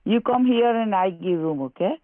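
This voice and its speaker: A man's voice: high-pitched, lively intonation, moderate pace, dry recording. A man answering as a hotel clerk, heard through a phone speaker and speaking in short, broken phrases. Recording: tinny, dry phone line.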